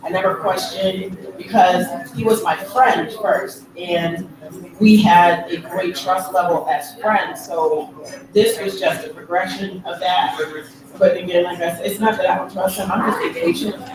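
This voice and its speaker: A woman's voice: on the low side, steady tone, unhurried. A woman answering a panel question in a casual group talk, earnest and candid. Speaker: panel guest. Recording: very echoey room, distant mic, crowd behind.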